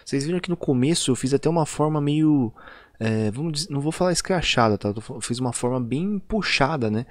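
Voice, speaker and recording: A man with a Brazilian Portuguese accent teaching an online lesson in a chatty way, often ending lines with little tag questions and stretching example words out slowly. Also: mid-range voice, lively intonation, dry recording. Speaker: English teacher. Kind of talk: casual online video lesson.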